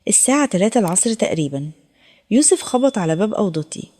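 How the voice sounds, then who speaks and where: A woman's voice: medium pitch, big pitch swings, fast, mellow. A woman with an Egyptian accent narrating a first-person audio story in an earnest, confessional way. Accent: Egyptian Arabic.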